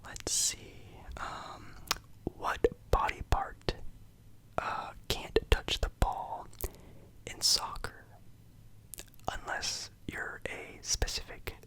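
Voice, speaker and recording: A man's voice: extremely slow, long pauses, pushed and bright. Man whispering ASMR right in your ear. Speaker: ASMR video host.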